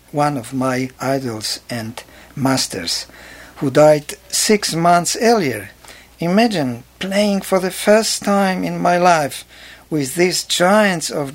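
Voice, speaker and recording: Older man, Polish accent, jazz pianist recalling his past, slightly high voice, slow careful delivery. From Poland. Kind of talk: spoken memoir track.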